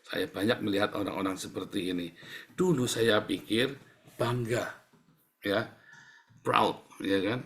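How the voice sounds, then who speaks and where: A man preaching a sermon in a blunt, scolding way. He laughs at his own jabs and swings between loud bursts and quiet asides. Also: on the low side, unhurried, long pauses. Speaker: pastor.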